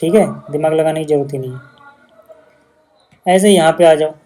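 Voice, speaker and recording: मधुर आवाज़ में समझाता हिंदी भाषी पुरुष शिक्षक. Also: male voice, fairly high pitch, a little fast, mellow. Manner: casual, patient explaining with repeated checks. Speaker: maths teacher. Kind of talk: explaining a maths lesson on video.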